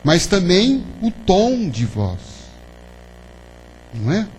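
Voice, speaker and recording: A man's voice: high-pitched, wildly swooping pitch, takes it slowly, a little mellow, breathy edge, poor audio. A man giving a spiritist lecture to an audience, conversational and full of questions to the listeners and tag "né?". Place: lecture hall of a spiritist center. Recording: faint hum behind the talk.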